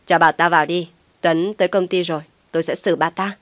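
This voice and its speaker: A woman's voice: on the low side, steady tone, fairly quick, fairly bright tone, no room sound, lightly acted. A woman voicing a spiteful, mocking young daughter-in-law who speaks with scorn. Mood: sneering. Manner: sneering, scornful.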